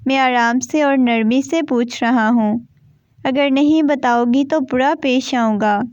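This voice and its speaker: A woman's voice: sits high, darkish tone, no echo, natural voice. A woman voicing a stern, short-tempered young husband in a storybook reading. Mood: coaxing. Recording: dull, dry lo-fi recording.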